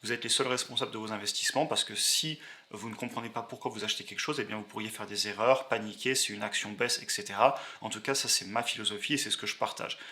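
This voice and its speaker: Male host, 30s, low-ish voice with a bright edge, fast and chatty, uses fillers. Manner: brisk, frequent "euh" fillers, conversational. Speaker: investing channel host. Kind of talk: casual explainer talking over screen charts.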